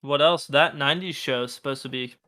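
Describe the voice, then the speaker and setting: A man's voice: medium pitch, a little fast, pushed and bright, dry recording. A young man co-hosting a podcast, laid-back, giving short replies and quips. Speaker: podcast co-host. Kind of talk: casual chat.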